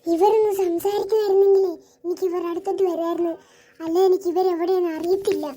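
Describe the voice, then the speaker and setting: A woman's voice: extremely high pitch, level tone, fast talker, mellow, pitched below the performer's own voice. A woman voicing a menacing, hungry ghost that has possessed a girl in a cartoon.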